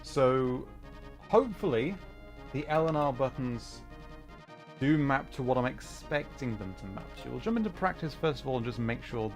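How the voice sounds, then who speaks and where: Faint music plays behind a man whose mid-range voice has lively intonation and a moderate pace. He hosts a VTuber livestream of a racing game, talking casually and reacting in short bursts as he thinks aloud.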